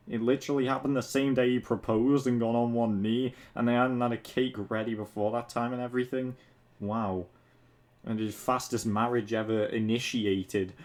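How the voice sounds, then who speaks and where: A man with a mid-range, slightly mellow voice reads fan fiction aloud for an online video. Now and then he drops out of narration to make casual, mocking comments, sometimes swearing.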